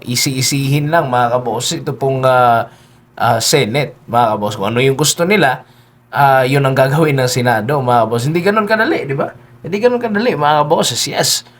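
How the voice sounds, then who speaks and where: A man giving solo political commentary, speaking politely, with frequent hesitations, and often turning to his listeners with tag questions. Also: mid-range voice. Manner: keeps addressing listeners, tags lines with "no?" and "di ba?".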